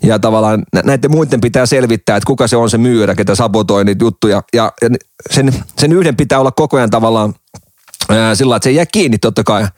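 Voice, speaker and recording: A man's voice: medium pitch, dry recording, clean studio sound. Joking, rambling man. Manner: rambling, joking, laughs often. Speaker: podcast co-host. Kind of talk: casual chat.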